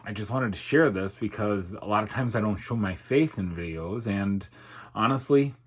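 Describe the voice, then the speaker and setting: Middle-aged man, fairly low pitch, raspy husky tone, halting reflective delivery, slightly numb-mouthed articulation, personal vlog. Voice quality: slightly altered articulation from facial numbness. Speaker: YouTuber and podcaster. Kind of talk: candid personal vlog, unscripted.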